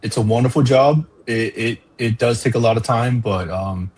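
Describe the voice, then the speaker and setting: Husky-voiced man from Hawaii. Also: mid-range voice, moderate pace, poor audio. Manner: earnest, steady, with frequent fillers. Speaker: interview guest, park educator. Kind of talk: casual interview chat.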